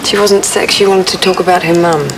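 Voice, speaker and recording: An actress playing a brisk, outspoken woman working at a hospital in a TV soap. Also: lowish voice, steady tone, noisy background, close to an everyday voice. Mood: impatient, pointed. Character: brisk, outspoken, supportive female hospital worker. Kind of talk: naturalistic TV soap acting. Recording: loud ambience behind TV dialogue.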